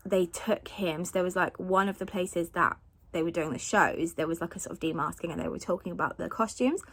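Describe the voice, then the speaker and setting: A woman's voice: on the low side, pushed and bright. A woman, chatting casually to camera in a rambling way with lots of fillers, recorded as a phone video held at arm's length. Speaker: family vlogger.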